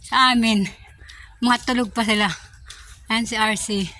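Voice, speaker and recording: A woman's voice: on the high side, unhurried. A woman narrating her uphill walk for a casual vlog, out of breath and chatty. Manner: chatty, narrates her walk, turns loud and excited greeting family. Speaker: vlogger. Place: outdoors on a street. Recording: loud street noise behind.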